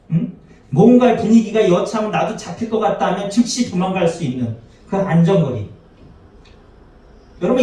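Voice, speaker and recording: A male pastor delivers a sermon in a high, mellow voice, often turning to the congregation with rhetorical questions and playing out the quoted lines. He stands well back from the microphone. His voice rings through a very reverberant church hall. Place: church sanctuary. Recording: very echoey hall, voice from far off.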